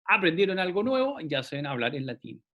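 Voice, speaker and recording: A man's voice: fairly high pitch, very animated, fairly quick, muffled recording. A man teaching a classroom anatomy lecture, explaining step by step and often checking in with the class.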